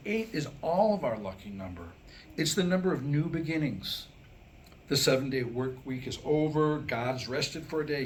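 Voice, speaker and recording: A comedic speaker performs a scripted monologue he wrote himself at a live reading for a small crowd, sounding wry and mock-academic and asking rhetorical questions. His voice is mid-range, and the poor audio carries slight background noise.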